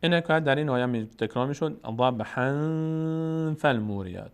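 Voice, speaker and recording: A man's voice: medium pitch, smooth. Patient Tajik man teaching recitation rules. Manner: patient, repeats words slowly to demonstrate pronunciation. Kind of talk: explanatory lesson.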